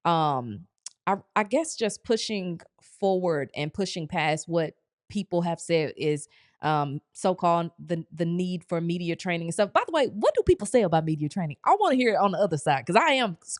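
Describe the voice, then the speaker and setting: Affirming woman host, low voice, dry sound. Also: dry recording. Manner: lively, affirming, colloquial. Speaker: interview host. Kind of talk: casual interview.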